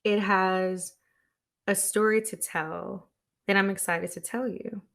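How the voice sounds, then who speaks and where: Slow-talking woman hosting a podcast. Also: mid-range voice, steady tone, vocal fry, fairly bright tone. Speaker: podcast host. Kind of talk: solo podcast talk.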